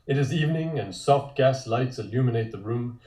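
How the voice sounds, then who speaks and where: Animated and a little fast, a man with a mid-range, dark-toned voice handles the scripted stage directions for a table read, slipping in dry, wry asides. The call is multistream from an indoor room, captured as an echoing, roomy home recording.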